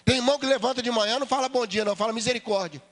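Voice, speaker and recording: A high-pitched man with a Brazilian accent preaches a lively, humorous sermon, slipping into little voiced dialogues. His voice rings with long reverb in a church sanctuary. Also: rapid-fire. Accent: Brazilian Portuguese. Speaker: pastor.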